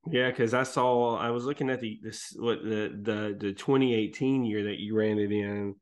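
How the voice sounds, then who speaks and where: A man's voice: fairly low pitch, steady tone, moderate pace. A man hosting a casual interview, chatty and self-deprecating, often stumbling as he starts a question. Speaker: podcast host interviewer.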